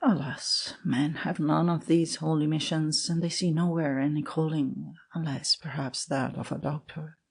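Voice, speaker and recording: A man performs a heavily acted literary reading as a passionate, lovesick youth, earnest and sorrowful, his husky voice yearning and confessional. He pitches it fairly high, keeps the delivery flat and the pace measured, and barely pauses.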